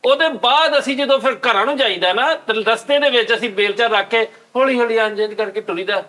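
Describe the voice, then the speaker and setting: A man's voice: extremely high pitch, a little fast, bright, forceful tone. A man with a Punjabi accent in a comedy interview, cheekily boasting about faking poverty. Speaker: guest playing a fake beggar.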